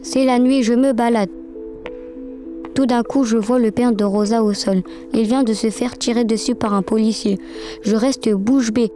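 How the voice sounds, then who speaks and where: Woman, slightly high voice, tense first-person reading over music. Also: warm tone. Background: background music.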